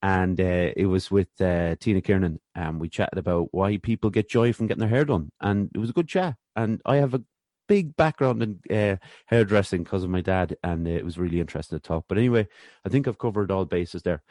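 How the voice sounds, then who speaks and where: A man's voice: low-pitched, a little fast, a little mellow, no room sound, clean studio sound. An Irish-accented man hosting a casual podcast interview, talking informally and a little hesitantly as he muses.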